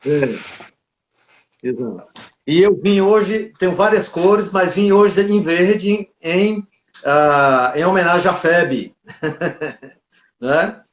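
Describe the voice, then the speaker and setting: Speaking slowly with long pauses, this live stream host has a high voice and keeps his video interview chatty, full of fillers and side remarks. His sound comes through as dull, echoey lo-fi stream audio.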